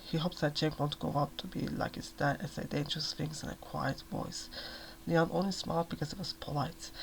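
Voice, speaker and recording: A man narrating a novel in a gentle, hushed, soft-spoken ASMR reading. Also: on the high side, gravelly, a little hiss or hum, low-quality recording.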